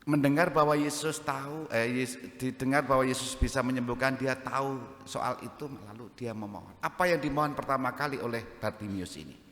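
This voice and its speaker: Javanese-accented priest in an echoey church. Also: male voice, mid-range voice, a little fast, fairly bright tone. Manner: joking, conversational preaching mixed with local phrases. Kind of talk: homily.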